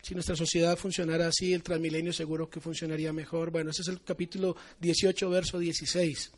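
A man with a Colombian accent giving an animated Torah teaching to his congregation, acting out little everyday dialogues as he goes. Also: on the high side, fast talker.

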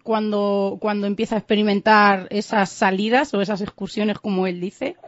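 Radio host lady, asks soft leading questions, dry slightly muffled sound. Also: mid-range voice, fairly even intonation, moderate pace, no room sound. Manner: gentle, leading questions with frequent "¿no?". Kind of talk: radio interview.

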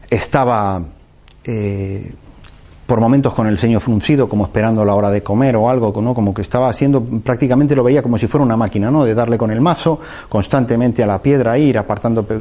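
Mellow-voiced man telling a parable. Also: mid-range voice. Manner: unhurried, thinking aloud with fillers and restarts. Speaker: speaker giving a motivational talk. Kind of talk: reflective talk with a told parable.

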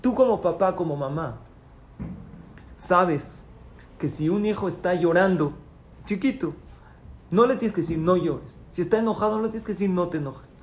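A man with a high, bright-edged voice delivers a rabbi's sermon. He poses questions and answers them himself, swinging from loud, urgent pleas to soft, hushed asides. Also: moderate pace, pauses often, slight background noise.

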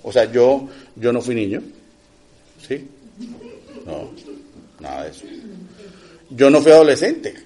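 A middle-aged man preaching a conversational sermon, often checking in with his listeners with quick asides, swinging between loud emphatic lines and quiet ones. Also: mid-range voice, sing-song.

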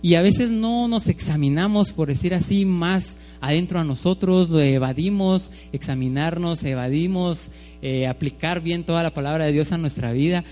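A man's voice: fairly high pitch, normal speed, darkish tone. A man preaching informally, telling a story with many restarts and fillers. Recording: long hall reverb, faint music.

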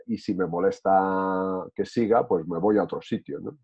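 A man's voice: deep voice, moderate pace, darkish tone, slightly rough. A man speaking reflectively in a casual group discussion, with many hesitations and restarts. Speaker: discussion participant. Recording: tinny phone-like line.

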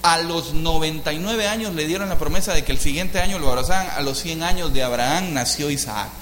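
A man preaching a sermon, telling the story in a lively way and often addressing his listeners as brothers. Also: on the high side, brisk, echoey room, a little hiss or hum. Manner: lively storytelling, keeps calling the congregation "hermano". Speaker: pastor.

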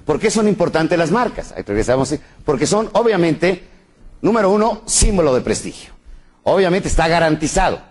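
Mexican male seminar speaker, husky voice, expressive pitch, constantly checking in with the audience. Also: a little fast. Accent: Mexican Spanish. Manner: animated, quizzes the audience with frequent tag questions. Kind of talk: live business lecture with jokes.

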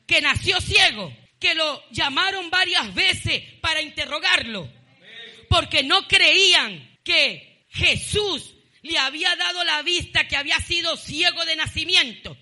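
A woman pastor delivers a fervent sermon in a bright, forceful voice. She punctuates her points with bursts of praise. At times she climbs into shouted emphasis. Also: very high voice, lively intonation, measured pace. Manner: fervent preaching, often repeating "gloria a Dios", with shouted bursts.

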